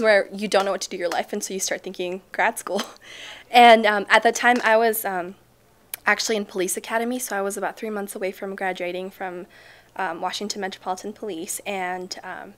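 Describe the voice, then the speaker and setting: A young woman from Chile answers interview questions as a teacher, pausing often with ums and letting her sentences trail off softly. Her voice sits at an ordinary middle pitch, and she is recorded indoors in a school library. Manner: thoughtful, frequent ums, soft trailing off. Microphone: off-camera mic, seated interview framing.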